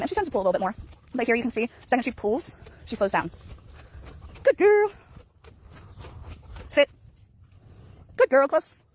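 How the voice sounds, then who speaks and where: A woman dog trainer walking a dog in an outdoor park, explaining calmly and praising the dog in high sing-song bursts. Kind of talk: casual vlog narration while training a dog. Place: outdoor park path near geese.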